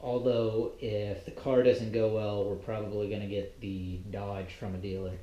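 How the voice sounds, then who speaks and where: A man vlogging casually at home, rambling and thinking out loud in a mildly exasperated, grumbling way. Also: fairly low pitch, flat delivery, moderate pace, dull audio, slight background noise. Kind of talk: casual vlog talk to viewers. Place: indoors in a room at home. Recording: roomy, echoing sound.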